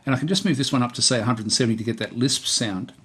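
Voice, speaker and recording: Talking fast in a husky, mid-range voice, a man gives an off-the-cuff software tutorial. He hesitates and thinks out loud while presenting.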